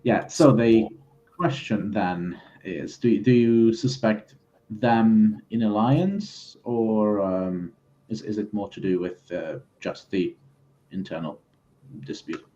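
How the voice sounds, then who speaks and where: Halting, low-voiced man, slightly muffled. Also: mellow, a little hiss or hum. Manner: hesitant, halting, polite phrasing. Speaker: player in a tabletop game. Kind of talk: improvised in-character game talk.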